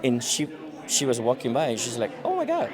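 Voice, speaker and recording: A man whose first language is Spanish tells his story in a casual interview at a conference, acting out the voices of the people he quotes. He speaks briskly at medium pitch with wildly swooping intonation, while crowd chatter fills the busy hall behind him.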